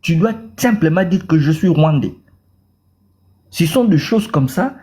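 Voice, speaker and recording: A Congolese caller in a political debate speaks passionately in Congolese-accented French, repeating words and mixing in Lingala. His voice is a little high and warm, with lively intonation and an unhurried pace.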